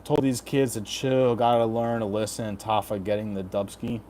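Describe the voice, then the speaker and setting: A man's voice: on the low side, little pitch movement, moderate pace, warm tone, a little hiss or hum. A man hosting a casual livestream, talking in crude, profane frat-bro slang as he banters with chat. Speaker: livestream host giving fight predictions.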